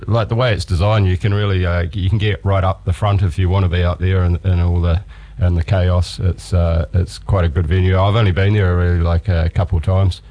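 A low-voiced man with a New Zealand accent hosts a radio chat. His intonation stays quite flat, and he talks casually in slangy, halting, laid-back phrases. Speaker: radio show host.

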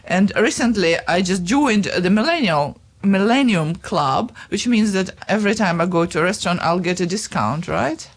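Husky chatty female interview host. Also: medium pitch, animated, normal speed, hardly any pauses. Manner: chatty, laughing easily, with many fillers. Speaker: radio host. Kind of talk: casual interview.

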